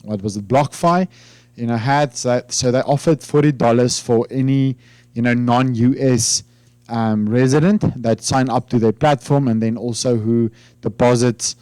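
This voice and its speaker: In an informal to-camera chat about finance, a South African YouTuber with Afrikaans as his first language speaks in a smooth, slightly mellow, medium-pitched voice with a steady tone. His pace is moderate and the audio has no echo. He wanders and hesitates, with frequent fillers and restarts.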